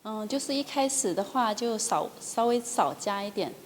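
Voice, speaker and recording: A woman's voice: medium pitch, lively intonation, moderate pace. Hesitant plainspoken woman, faint background noise. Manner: hesitant, plainspoken, many fillers. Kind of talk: interview answer.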